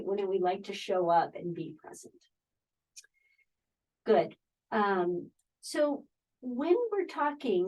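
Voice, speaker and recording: A woman leads a relaxed workshop over a video call. Her talk is gentle and encouraging, with fillers and soft laughs. Her pitch sits mid-range for a woman. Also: low-quality recording. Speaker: workshop presenter, counselor.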